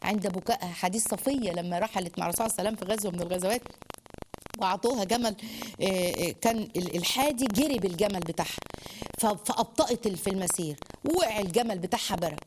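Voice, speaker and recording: Rapid animated Egyptian woman lecturer. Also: fairly high pitch, noisy background. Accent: Egyptian Arabic. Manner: animated, rapid, acts out quotes in dialogue. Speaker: Islamic lecturer. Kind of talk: religious lesson on marriage.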